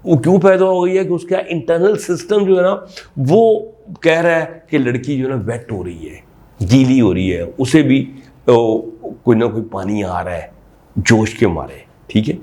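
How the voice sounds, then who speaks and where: A man's voice: mid-range voice, unhurried. A man, a doctor giving an explanatory talk and leaning on rhetorical questions. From Pakistan. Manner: lively, emphatic, frequent rhetorical questions. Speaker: sexologist doctor.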